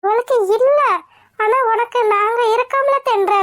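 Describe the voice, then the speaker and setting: A woman's voice: very high-pitched, moderate pace, no room sound, studio quality. A woman voicing a fussy elderly grandmother in a cartoon, scolding and pleading tearfully. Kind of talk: cartoon voice acting.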